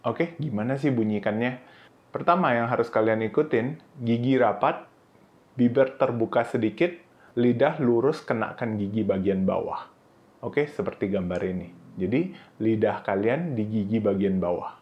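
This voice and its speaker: In a lo-fi pronunciation lesson video, a man casually teaches Mandarin pronunciation. He often says "oke" and "nah" and sounds out syllables in high, drawn-out bursts.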